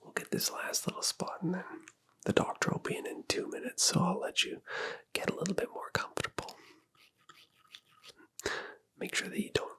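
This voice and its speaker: A man's voice: high voice, moderate pace, pauses often, sharp tone, pitched above the performer's own voice, exaggerated voice. Man playing a whispering male nurse, whispered role-play. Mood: soothing, teasing. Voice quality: breathy whisper. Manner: soothing, complimentary personal attention. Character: attentive, flirtatious male nurse giving a pampering facial.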